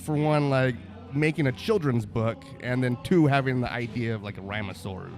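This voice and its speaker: A man's voice: medium pitch, normal speed, faint music behind. A man hosting a casual live interview, slangy and affirming, peppering his talk with bro and dude. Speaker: live show host.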